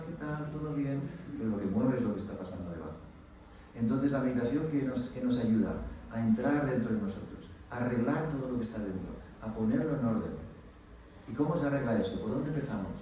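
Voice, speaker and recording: A man with a Spanish accent giving a motivational lecture to university students, speaking in an animated way and acting out the voices of people he quotes. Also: mid-range voice, a little hiss or hum. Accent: Spanish from Spain. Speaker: guest lecturer. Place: large lecture hall. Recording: distant, dull-sounding mic in a very echoey hall.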